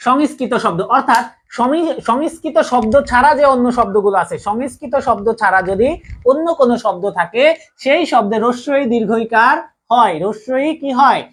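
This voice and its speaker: A woman's voice: a little high, moderate pace, a little hiss or hum. A woman from Bangladesh, teaching an online grammar class and drilling students with repeated questions. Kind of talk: live online class lesson.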